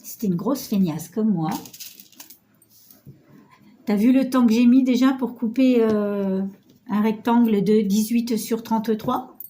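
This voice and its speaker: Hosting a casual sewing tutorial filmed on her phone, this middle-aged woman is nasal from a cold, chatty and self-deprecating. She speaks a little high and mellow at a measured pace with long pauses, over slight background noise.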